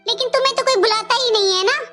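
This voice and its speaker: A woman voicing a spoiled young married daughter in an animated cartoon, who talks in a taunting, sneering way. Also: very high-pitched, fast talker, soft background music, voice pushed up.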